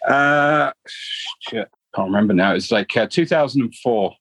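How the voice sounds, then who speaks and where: In an interview, a forties-aged English guitarist with a London accent rambles in a relaxed way, leaning heavily on fillers. He speaks unhurriedly in a medium-pitched voice, recorded without echo.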